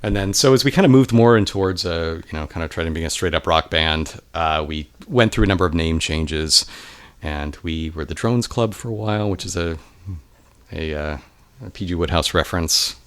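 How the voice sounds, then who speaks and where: A man, a musician guest in a casual interview, talking in a relaxed, rambling way with self-deprecating humor. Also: low voice, normal speed. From California, United States.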